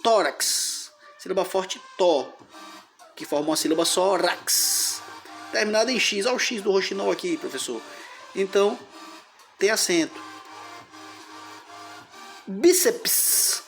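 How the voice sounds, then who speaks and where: A man's voice: sits high, lively intonation, brisk, gravelly, a bit bright, faint music behind. A man teaching a grammar lesson, explaining step by step and splitting words into syllables.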